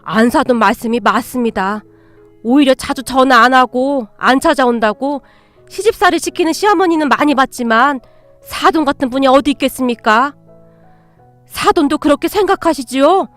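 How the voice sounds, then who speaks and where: A woman voicing an older man, the calm and polite father of a daughter-in-law, speaking slowly and formally. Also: sits high, soft background music. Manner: slow, formal and courteous.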